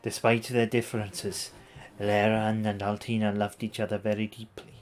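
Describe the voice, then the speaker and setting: Low-voiced man reading game lore. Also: flat delivery, normal speed. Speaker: streamer. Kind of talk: reading game dialogue aloud.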